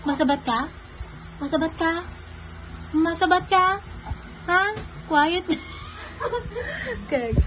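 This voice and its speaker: A woman, coaxing a baby in soft baby talk that mixes English with her own language. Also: high-pitched, a little hiss or hum, rough recording. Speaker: caregiver talking to a baby.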